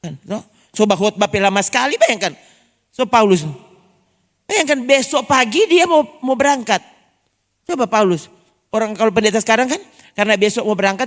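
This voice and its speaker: A forceful woman pastor with a lilt, preaching in a church hall. She fires off rhetorical questions with emphasis, and her voice rings out with a long reverb tail. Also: high voice. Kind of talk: sermon.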